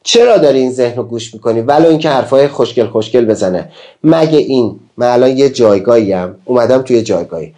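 A man's voice: medium pitch, lively intonation, warm tone. A man giving a motivational talk, earnest and emphatic, often asking rhetorical questions. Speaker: motivational speaker.

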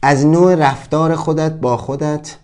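Male motivational speaker with a slightly high voice, emphatic, acts out little scenes. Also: fairly even intonation, a little mellow. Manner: acts out dialogue, shifts voices dramatically. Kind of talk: emphatic self-help monologue.

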